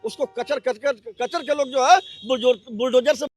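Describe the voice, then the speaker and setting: Fervent man with a very high voice. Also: steady tone, normal speed. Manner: fervent, leans on the filler "jo hai" constantly. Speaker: member of the public giving his view. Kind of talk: heated street interview.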